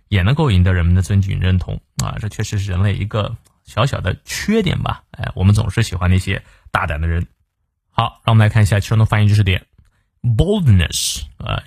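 A man hosting a daily English reading lesson, explaining words and pronunciation in a lively way, stretching filler particles and reading English lines slowly. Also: lowish voice, gravelly, no room sound, studio quality.

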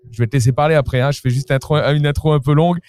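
A man's voice: on the high side, fairly even intonation, very fast, darkish tone, smooth, no room sound. A man hosting an interview podcast at a trade fair, talking with enthusiasm, with faint concert music behind him. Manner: enthusiastic, talkative. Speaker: podcast host. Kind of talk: casual interview.

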